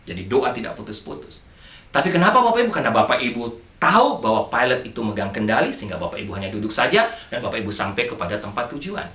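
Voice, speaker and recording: A man's voice: mid-range voice, very animated, fast, a bit bright. A middle-aged man preaching a sermon as pastor, emphatic and speaking directly to the congregation. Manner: emphatic, addresses congregation often. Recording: echoey church hall.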